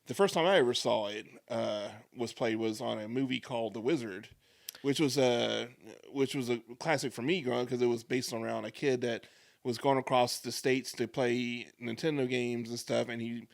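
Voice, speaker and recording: A man's voice: medium pitch, fairly even intonation, moderate pace, creaky, no room sound, studio quality. A man in his forties, co-hosting a podcast, telling rambling nostalgic stories in casual chat. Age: 40s. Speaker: podcast co-host.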